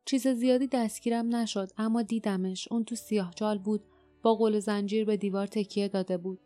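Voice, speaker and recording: Woman reading a grim, weary male warrior, gruff and low-key, mid-pitched, faint music under it. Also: fairly even intonation, dark tone, no echo, natural voice. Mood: grave.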